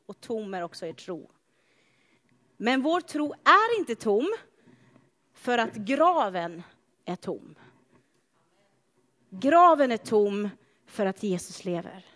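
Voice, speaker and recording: High-voiced woman preaching in a reverberant church. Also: pauses often. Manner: animated, chatty storytelling with playful asides to the congregation. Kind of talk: sermon.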